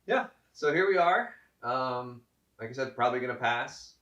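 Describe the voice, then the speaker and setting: A man vlogging casually at home, explaining things in a measured, matter-of-fact way. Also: mid-range voice, lively intonation, fairly bright tone. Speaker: vlogger, co-host of a sailing channel. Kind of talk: casual chat to camera. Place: at home in a house. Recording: echoey room, distant mic, faint music.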